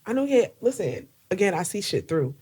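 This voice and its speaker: A woman's voice: medium pitch, very animated, brisk, warm tone, breathy edge. A young woman from New Jersey co-hosting a podcast in casual chat, joking and laughing often. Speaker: podcast co-host.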